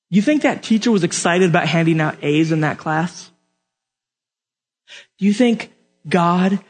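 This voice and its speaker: A young man with a notably high voice preaches to his congregation. He tells stories in an animated way, slips in jokes and keeps putting direct questions to his listeners. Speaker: youth pastor. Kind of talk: sermon.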